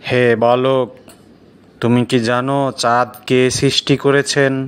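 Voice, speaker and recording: A man voicing a kindly angel in a children's cartoon, asking formal questions slowly and solemnly. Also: mid-range voice, flat delivery, fairly bright tone, clean tone, lightly acted.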